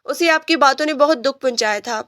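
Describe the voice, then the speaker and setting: A woman's voice: high voice, fairly bright tone, dry recording, studio quality. A woman voicing a frightened young man who pleads for his sister. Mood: pleading. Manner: pleading, fearful.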